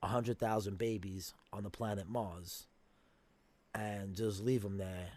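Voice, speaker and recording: A man's voice: on the low side, fairly even intonation, measured pace, darkish tone, dry recording. A man hosting a casual podcast, musing in a rambling, speculative way and swearing freely between coughs. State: coughing from smoking. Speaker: podcast host. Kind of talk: casual chat.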